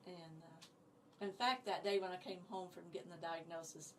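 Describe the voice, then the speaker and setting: A chatty woman in her seventies from Indiana tells her story in a cheerful, upbeat way. Her voice sits somewhat low and carries the faint distance of being off-mic. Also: fairly even intonation, moderate pace, slight background noise. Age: 70s. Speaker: interview guest, community group founder. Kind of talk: casual interview chat. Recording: voice picked up from a distance.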